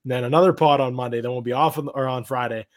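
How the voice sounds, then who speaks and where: A man hosts a casual sports podcast with a voice that cracks and strains as he talks. His pitch is mid-range and the sound is close and dry. He speaks informally and chummily, like he is among buddies. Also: steady tone, fast, no room sound. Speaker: podcast host.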